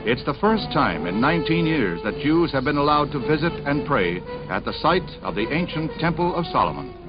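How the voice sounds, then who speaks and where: In the style of an old newsreel, a man narrates with a brisk, dramatic, sing-song announcer delivery, his voice a little high for a man. The sound is dull, muffled, and lo-fi, with loud music running beneath him throughout.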